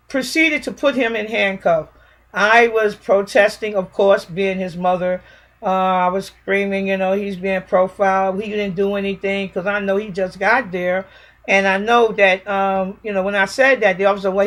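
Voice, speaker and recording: Middle-aged woman telling a rambling story. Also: medium pitch. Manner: rambling, emphatic, colloquial storytelling. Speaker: mother recounting a police raid. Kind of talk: personal spoken account.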